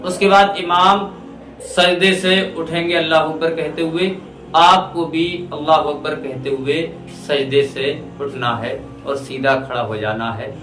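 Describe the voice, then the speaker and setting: Male religious teacher, slightly high bright voice, slow deliberate teaching with recited phrases, echoey room and faint music. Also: steady tone. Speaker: Islamic teacher. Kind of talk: religious instruction.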